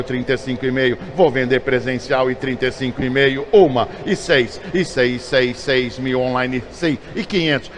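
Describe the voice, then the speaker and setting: A man working as an auctioneer, repeating bids in a rapid rhythmic chant. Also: medium pitch, slight background noise. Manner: rapid repetitive bid calling.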